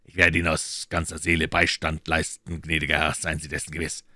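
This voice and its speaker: A man voicing a cold, devoted nobleman agent who reports in curt, measured tones, in a storybook reading. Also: extremely low pitch, monotone, pushed and bright, no room sound, clean studio sound, exaggerated voice. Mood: secretive.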